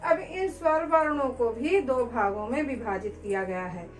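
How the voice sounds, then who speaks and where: A woman teacher giving a lesson slowly, repeating key words and asking questions she answers herself. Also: on the high side, echoey room, faint music behind, rough recording. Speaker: school teacher. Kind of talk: classroom-style lesson.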